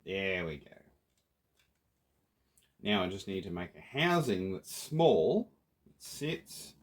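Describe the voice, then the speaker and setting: Building a theatre prop, a playful Australian man keeps up a chatty running talk with viewers in this casual workshop tutorial. He has a deep voice with big pitch swings and a slow pace, plus a little hiss or hum.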